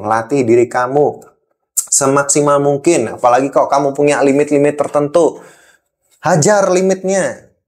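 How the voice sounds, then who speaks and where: A man's voice: medium pitch, darkish tone, close to an everyday voice. A man from Java playing an angry boss who scolds and lectures a young employee in a role-played monologue, repeating points for emphasis.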